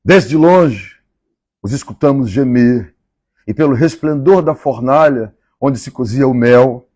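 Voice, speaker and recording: A man from Minas Gerais with a Mineiro Brazilian accent, reading a novel aloud on a live stream and pausing for chatty asides. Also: mid-range voice, darkish tone, slightly rough, no room sound. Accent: Mineiro Brazilian Portuguese. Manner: measured, repeats favorite lines and chats between passages.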